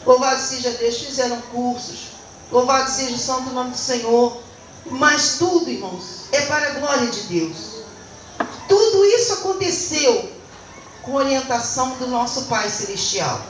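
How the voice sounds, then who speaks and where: A woman's voice: sits high, animated, moderate pace, slight background noise. A Brazilian woman, a church deaconess, giving a fervent testimony sermon and often breaking in with words of praise. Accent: Brazilian Portuguese. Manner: fervent, peppers speech with praise phrases. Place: church hall. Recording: very echoey church hall, mic far off.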